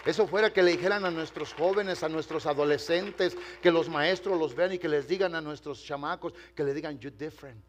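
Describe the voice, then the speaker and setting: A man pastor preaching a sermon in Spanish, telling a story with dramatic pauses, asking the congregation to respond and slipping in English phrases. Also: fairly high pitch, slight background noise. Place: church.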